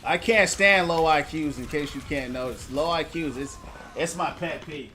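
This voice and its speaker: A man's voice: fairly high pitch, moderate pace, pushed and bright, slight background noise. A man streaming a game, ranting in a heated, repetitive, mocking way at a viewer in his chat. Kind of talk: ranting live stream commentary.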